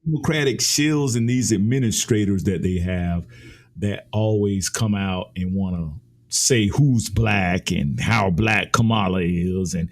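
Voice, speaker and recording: A fairly low-pitched American man delivers political commentary full of opinion and emphasis. He leans on repeated phrases for effect.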